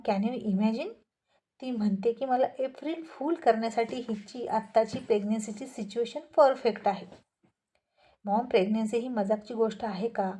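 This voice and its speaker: A woman's voice: a little high, warm tone, lightly acted. A woman voicing a young man who scolds angrily and in a panic. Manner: scolding, exasperated.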